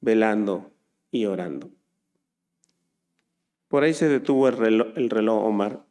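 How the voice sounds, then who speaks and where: A man preaching a sermon, swinging from soft low asides to loud, urgent exhortation. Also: expressive, measured pace.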